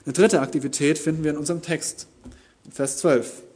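A man preaching an expository sermon, teaching deliberately and with emphasis. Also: a little high, steady tone, a little mellow, slightly rough.

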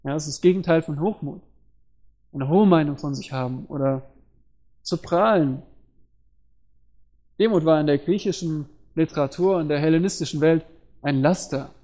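A man's voice: fairly high pitch, moderate pace, pauses often, mellow. A man preaching a sermon in earnest, explaining scripture and word meanings and asking his listeners rhetorical questions.

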